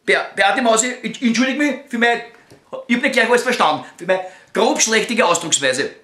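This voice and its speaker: A man's voice: sits high, animated, a little fast, pushed and bright, echoey room. A man with a Viennese accent acting out a one-sided comic phone call, crude and foul-mouthed, swinging between outbursts and sweet talk. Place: living room.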